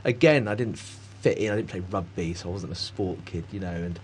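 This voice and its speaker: Male artist, lowish voice, halting rambling chat. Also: slight background noise. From Cornwall, England. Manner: rambling and hesitant, many fillers, laughs often. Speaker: artist guest. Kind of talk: casual conversation.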